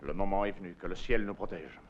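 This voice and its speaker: An actor in a dubbed adventure film playing a resolute, pious crusader commander, solemn and decisive. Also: male voice, low-pitched, quick pace. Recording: dull old film soundtrack.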